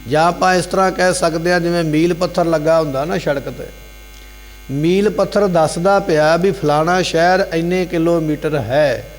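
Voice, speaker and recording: A man expounding scripture as a preacher in a gurdwara, in short repeated phrases with rhetorical questions. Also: on the high side. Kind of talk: devotional scripture exposition. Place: gurdwara hall. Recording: long hall reverb, faint hum.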